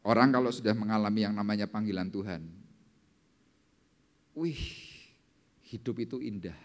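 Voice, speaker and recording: A male pastor preaching a sermon, slowing down and lifting his voice dramatically when he reads scripture. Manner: dramatic, slowing down and rising in pitch for scripture quotes. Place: church service hall. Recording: long hall reverb in a church.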